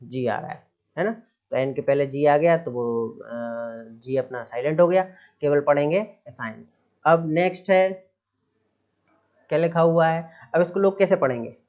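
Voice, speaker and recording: A man with a somewhat raised pitch walks through a spelling lesson one step at a time. He asks questions and answers them himself, often checking that his listeners follow. The sound is dull and lo-fi. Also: a little slow, a little mellow. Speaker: English teacher. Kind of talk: spoken grammar lesson.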